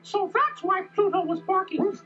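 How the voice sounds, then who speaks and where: A man voicing a plucky, cheerful cartoon mouse in a squeaky falsetto for a children's audio storybook, earnest and kindly. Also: lively intonation, normal speed, bright, forceful tone, exaggerated voice. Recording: dull lo-fi tape, music behind.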